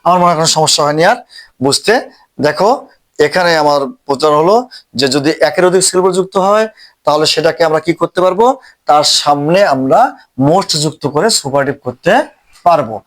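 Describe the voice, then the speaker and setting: Slow, repetitive male grammar teacher. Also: on the high side. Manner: slow, repeats each word while writing it out. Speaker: English teacher. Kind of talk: grammar lesson.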